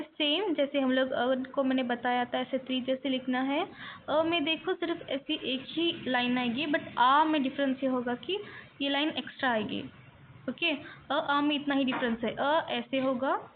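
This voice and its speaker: Woman teacher, high voice, slow, careful delivery, lo-fi phone-like recording. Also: slight background noise. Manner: mixes English words into Hindi, stretches sounds for pronunciation. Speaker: Hindi teacher. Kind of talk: slow, patient teaching with drawn-out example words.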